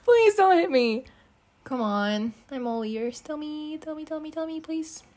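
This high, expressive voice is a little slow and has a darkish tone. It belongs to a young woman, not a native English speaker, who giggles as she teases and coaxes in slang during an intimate girlfriend ASMR roleplay.

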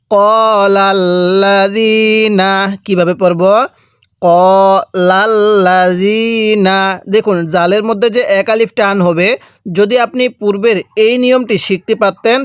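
A man with a Bangladeshi Bengali accent teaches Quran reading. He spells out words slowly, syllable by syllable, between his explanations. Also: high-pitched, dry recording, clean studio sound. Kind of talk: slow spelled-out recitation lesson.

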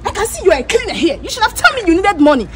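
A woman's voice: very high voice, sing-song, racing, very noisy. A woman playing a haughty, scornful young woman. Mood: contemptuous. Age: young adult. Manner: scornful, shouting insults. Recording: loud music over the dialogue.

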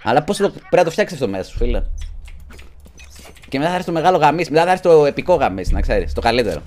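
A young man streaming a game live, ranting and swearing, shouting at teammates between rambling commentary. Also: on the high side, big pitch swings. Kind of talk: excited live gameplay commentary.

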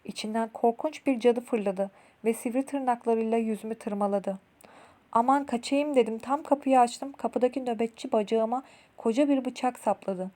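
A woman's voice: on the high side, normal speed, mellow, close to an everyday voice. A woman voicing a frightened male bandit from a children's storybook, telling his tale in an alarmed rush.

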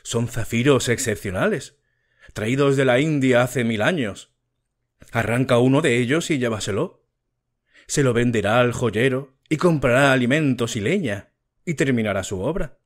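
A man voicing a generous, sorrowful male prince statue in an audiobook reading, speaking gently and solemnly. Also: medium pitch, animated, normal speed, close to an everyday voice. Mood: sorrowful gentle.

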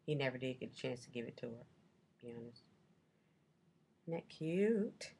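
Her voice is a rumbling low one, animated and warm with a breathy edge, at normal speed. A middle-aged vlogger in a small home room, she chats into her desk webcam about things she bought, rambling and correcting herself along the way.

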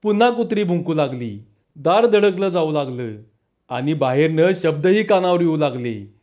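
A man narrating a comic village story in a lively spoken style, using rural dialect. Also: fairly high pitch, moderate pace, muffled recording.

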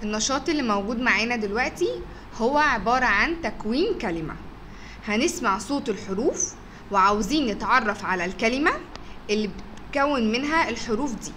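Egyptian woman, kindergarten teacher, bright and lilting, drags out sounds slowly for small kids. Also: a little high, animated, slight background noise. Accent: Egyptian Arabic. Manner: stretches words out slowly to sound out letters, with frequent praise. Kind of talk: recorded phonics lesson for young children.

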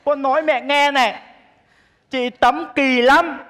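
Stage comedy: performer as a wheedling, needling stepdaughter, high voice. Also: steady tone, slow pace, long reverb tail, heavy background noise. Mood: whiny, needling. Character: whiny, sly teenage stepdaughter. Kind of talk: live stage comedy sketch. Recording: live stage with music and audience.

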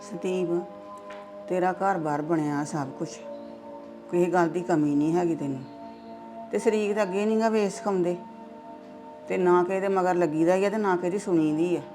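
A woman plays a stern middle-aged mother in a homespun family drama. She talks in a low voice with steady, lecturing reproach. Soft music sits behind her. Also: normal speed, long pauses, natural voice. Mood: reproachful.

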